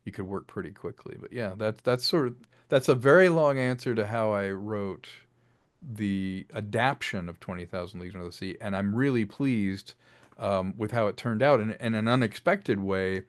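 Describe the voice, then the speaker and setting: Speaking at normal speed in a lowish voice, a man describes the audio drama he wrote and directed during an informal interview. His manner is animated, with voiced quotes and laughs between thoughts, and the studio-quality audio has no echo.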